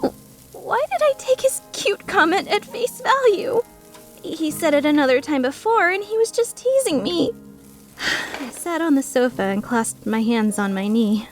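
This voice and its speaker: Here the woman's voice is high, sing-song and a little slow, with faint music in the background. Playing the same flustered, skeptical young woman in a first-person fan-dubbed drama, she narrates introspectively and sounds embarrassed and wondering.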